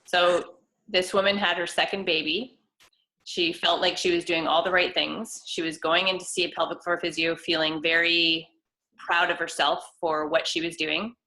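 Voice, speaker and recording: A woman co-hosts a casual chat over a video call, telling a client story at length and often restarting her sentences. Her voice sits a bit low and sounds bright. The sound has the thin quality of a video call. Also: level tone, normal speed, rough recording. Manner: chatty storytelling with many restarts. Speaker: co-host, fitness trainer.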